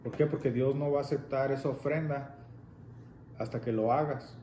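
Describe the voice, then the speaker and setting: A man's voice: mid-range voice, fairly even intonation, moderate pace, mellow. A man leading a Spanish Bible class, explaining scripture and prompting a reader to continue. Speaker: Bible teacher. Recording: echoey room with faint noise.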